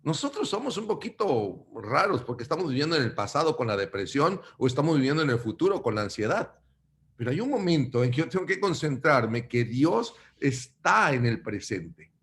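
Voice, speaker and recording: A man's voice: big pitch swings, normal speed. Emphatic Mexican man preaching a sermon. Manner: swings between loud emphatic bursts and quiet low asides; addresses listeners directly as brothers.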